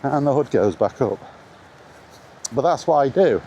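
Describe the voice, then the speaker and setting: A middle-aged video blogger walks in the rain, casually and bluntly holding forth on retro games and repeating himself to make his points. His medium-pitched voice is animated but a little slow, with a dark tone, and the recording is muffled, noisy and full of ambient sound from outdoors.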